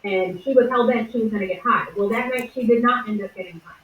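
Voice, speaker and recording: A woman's voice: on the high side, quick pace, phone-quality sound. A woman talking casually and at length, hesitant and full of fillers, recorded from a distance in an echoey room. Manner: rambling, hesitant with many fillers. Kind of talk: casual discussion.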